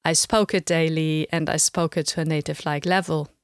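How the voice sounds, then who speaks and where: Speaking in a low register over music, a German-native woman learning languages gives a calm, reflective podcast monologue about language levels, slowing to spell out the terms.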